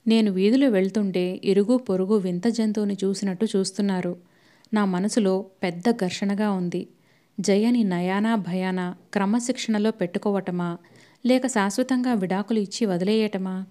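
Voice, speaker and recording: A woman reading a novel aloud as an audiobook narrator. Her voice is mellow and warm at a medium pitch. She keeps the storytelling steady and even. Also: moderate pace.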